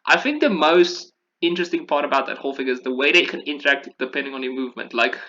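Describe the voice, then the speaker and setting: A podcast host talking about video games chats casually, rambling and correcting himself along the way. His mid-range voice is sharp-toned with lively intonation, he speaks fast, and the sound is lo-fi.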